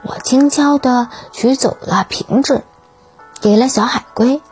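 A woman storyteller narrating a children's story in a gentle, unhurried manner, her voice husky. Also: high voice. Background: faint background music.

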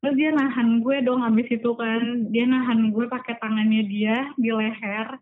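A young woman tells a personal story in loose, slangy talk, earnest and shaken. Her voice sits a little high for a woman. The sound is thin and narrow, like a phone call. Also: level tone, moderate pace. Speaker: storyteller guest. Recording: tinny phone-like audio.

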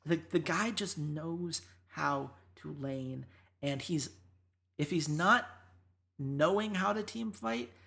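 A woman's voice: sits low, slow pace, gravelly, fairly bright tone. A woman co-hosting an esports podcast, talking through matches in casual analysis with emphatic, exasperated rants.

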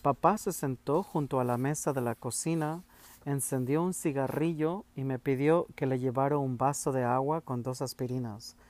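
Steady male audiobook narrator. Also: mid-range voice. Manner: measured, steady storytelling. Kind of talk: first-person audiobook reading.

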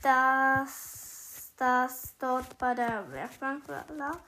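Woman, high voice, slow and hesitant co-player, audible noise behind. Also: pushed and bright. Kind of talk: casual gameplay chat.

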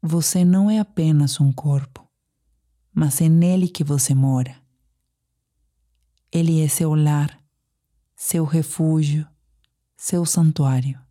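This is a Brazilian-accented woman guiding listeners toward sleep in a meditation. Her voice is low for a woman, dark and relaxed, and she shapes each phrase deliberately and soothingly, pausing gently between them.

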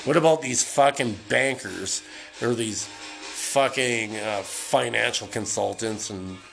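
This Canadian man speaks slowly in a mid-range, creaky voice with a fairly bright tone. Alone on his podcast, he delivers a heated, rambling, profanity-laden rant while a record player spins music behind him, all captured in a rough recording.

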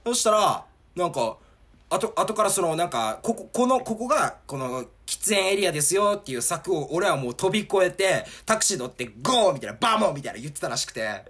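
A man telling a rambling, animated story in casual chat, full of fillers. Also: high voice, brisk.

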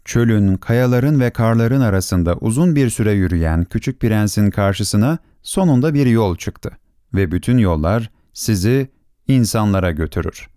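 Low, mellow male storyteller. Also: expressive, normal speed, dry recording, clean studio sound. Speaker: audiobook narrator. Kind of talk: scripted storybook narration.

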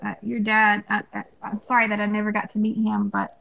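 A woman guest in a casual faith chat answers softly and warmly affirms the host. Her voice has a gravelly, creaky edge at a middle pitch, and the recording sounds dull and lo-fi. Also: completely flat delivery, fairly quick. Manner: soft, affirming replies.

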